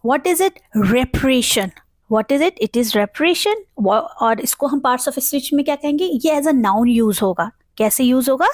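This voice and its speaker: A woman with an Indian accent teaching vocabulary online. She explains each word in Hindi and reads the English examples slowly. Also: high-pitched, a little mellow, no room sound, studio quality.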